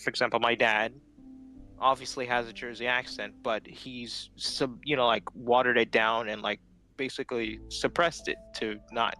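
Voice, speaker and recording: Bright-voiced chatty man. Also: medium pitch, fairly even intonation, moderate pace, soft background music, poor audio. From Philippines. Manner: rambling, chatty, laughs often. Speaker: streamer chatting while drawing. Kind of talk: casual chat.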